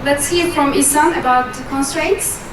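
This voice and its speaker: High-voiced woman from Turkey presenting. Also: moderate pace. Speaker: conference presenter. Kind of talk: scripted conference presentation. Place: conference hall. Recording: roomy, distant hall recording with noise.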